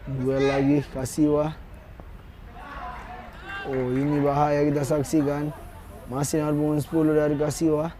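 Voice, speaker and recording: A man's voice: a little high, dark tone. A man giving live play-by-play commentary on a football match.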